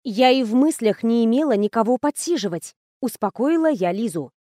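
A woman's voice: on the high side, expressive, normal speed, warm tone, no room sound, clean studio sound. A woman narrating a first-person ironic story as an audiobook reader.

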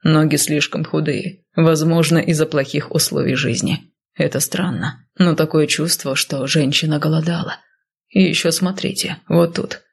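A composed male healer, read by a woman in an audiobook, matter-of-fact and unemotional, delivering everything in an even, dry manner. The voice sits low, husky and slightly gravelly. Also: moderate pace, exaggerated voice. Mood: calm.

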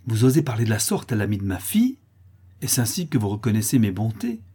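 Guy doing outraged farm lady, husky, scolding, audiobook. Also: fairly low pitch, big pitch swings, quick pace, mellow. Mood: indignant. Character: indignant proud farm lady, mother.

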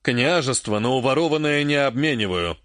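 A man reading an audiobook, voicing an emperor who speaks softly and in a measured way. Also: mid-range voice, animated, no room sound, clean studio sound, natural voice. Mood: mild placating. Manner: soft, placating, measured. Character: calm, mild-mannered male emperor, later irritated.

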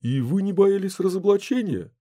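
A man reading an audiobook, voicing an eager, excitable middle-aged professor who talks in raised, questioning bursts. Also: sits high, moderate pace, dry recording, studio quality, voice pushed up.

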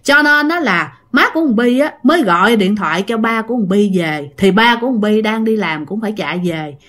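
Speaking briskly in an animated, medium-pitched voice with a fairly bright tone, this woman narrates a ghost story casually. She chats directly with her audience as she goes.

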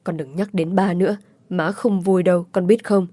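Brief: woman reading a heartbroken mother in an audiobook, soft and soothing. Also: on the low side, fairly even intonation, moderate pace, dry recording, close to an everyday voice. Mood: tender. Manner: soothing, sometimes sharp. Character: heartbroken young mother, tender but strained.

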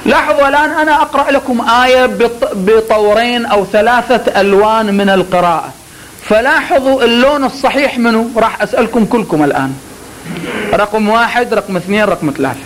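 High-voiced man teaching oratory. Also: quick pace, slight background noise, poor audio. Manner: lively and instructive, drawing out words to demonstrate delivery; addresses students directly with joking asides. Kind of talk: classroom lecture with spoken demonstrations.

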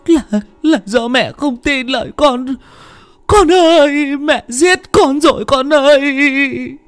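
Frantic grieving mother, thirties, shrill and loud, man voicing her. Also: takes it slowly, no echo, studio quality, soft background music, exaggerated voice. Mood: wailing. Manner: wailing, sobbing, stammering.

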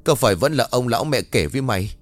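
A man's voice: medium pitch, expressive, fast talker, no echo, pitched above the performer's own voice, close to an everyday voice. A man voicing an older mother who frets and questions her son in a story. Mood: fretful. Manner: fretful, questioning. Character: older woman, worried anxious mother.

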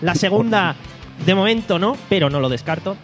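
A podcast host with a high-pitched, expressive, fairly bright voice speaks at a normal speed over soft background music. He reads out news and poll results in a playful, joking way, recording in a studio away from home.

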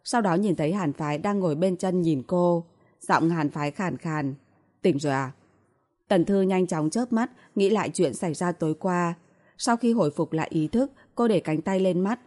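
Mellow-voiced woman narrating a novel. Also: on the low side, moderate pace. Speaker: audiobook narrator. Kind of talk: storybook narration of a romance novel.

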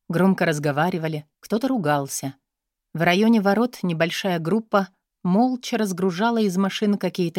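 A woman narrating an audiobook in an expressive, steady storytelling manner. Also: on the low side, no echo, clean studio sound. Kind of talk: scripted narration.

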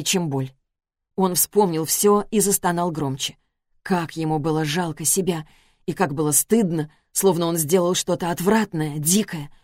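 A woman's voice: on the low side, no room sound, studio quality. Woman narrating a literary audiobook. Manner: measured, expressive.

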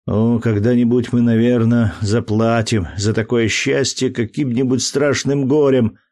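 A man reading an audiobook, voicing an earnest, emotional young man deeply in love in a fervent, slow delivery. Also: steady tone, a little mellow, no echo, close to an everyday voice.

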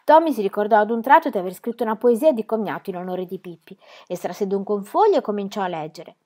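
A woman reads a children's storybook aloud at a middling pitch. Her narration is calm and expressive. She keeps a steady storytelling pace throughout. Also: quick pace. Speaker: reader. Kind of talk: storybook reading.

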